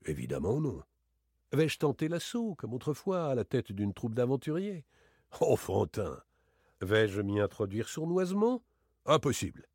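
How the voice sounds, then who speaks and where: A man voicing a playful, boastful gentleman thief in a dramatic audiobook reading, teasing and theatrical. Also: very animated, a little slow, breathy edge, dry recording, studio quality, heavily acted. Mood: mocking, boastful. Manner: teasing, theatrical, swings between bright exclamations and low asides.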